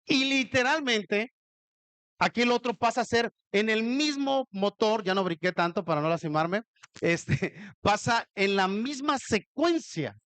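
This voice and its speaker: A man with a Mexican Spanish accent preaching a sermon as pastor, telling stories in an animated way and joking with the congregation. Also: high-pitched, unhurried, no room sound. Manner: animated storytelling, jokes with the congregation.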